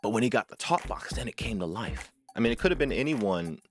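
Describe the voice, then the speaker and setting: Speaking fast and very animatedly in a low-leaning voice, a music tutorial host and talkbox player teaches informally to camera. His talk is emphatic and full of repeated phrases, punctuated by a frequent questioning "right?" to seek agreement.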